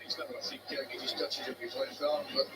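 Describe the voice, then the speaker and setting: A man giving measured, analytical live football commentary, heard through noisy broadcast audio. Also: medium pitch, flat delivery.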